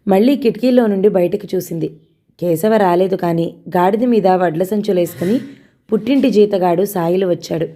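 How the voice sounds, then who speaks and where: A woman narrating an audio novel in a steady storytelling manner. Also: medium pitch, moderate pace.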